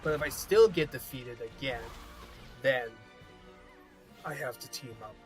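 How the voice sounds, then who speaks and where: A man's voice: mid-range voice, animated, a little slow. A man hosting a gaming video with casual, rambling commentary that often repeats itself. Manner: rambling, repetitive explaining. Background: music.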